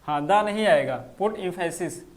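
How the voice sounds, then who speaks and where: High-voiced man teaching grammar live. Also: animated. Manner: repeats key phrases slowly, answers viewer comments. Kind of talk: live online class lecture.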